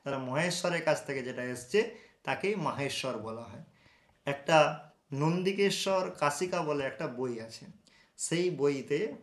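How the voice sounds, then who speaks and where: A man teaching Sanskrit grammar in an online lesson, who recites each sound slowly and answers his own questions. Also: on the high side, animated, reverberant.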